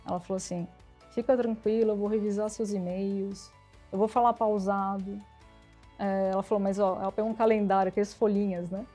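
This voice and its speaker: A lively IT executive from São Paulo, Brazil, tells stories as a guest in a casual interview, with faint music in the background. Her voice is medium-pitched and brisk, and she acts out the dialogue she quotes.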